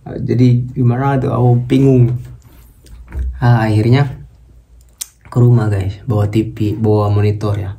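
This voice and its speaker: A young man tells a personal story in a chatty vlog style, often turning to his viewers. His voice is low and mellow with a gravelly edge. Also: fairly even intonation, unhurried, pauses often. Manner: chatty, keeps addressing viewers as guys. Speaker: vlogger.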